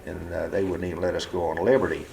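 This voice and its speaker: A deep, gravelly, somewhat mellow male voice with little pitch movement belongs to a man in his seventies. In a casual oral-history interview in his living room, he talks bluntly about his life, cursing at times and frequently faltering into "uh" before starting again.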